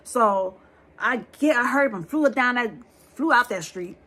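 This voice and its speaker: Bright, husky woman telling a story. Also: a little high, a little slow. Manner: lively, blunt, addresses listeners directly, swears freely. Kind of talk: casual storytelling to viewers.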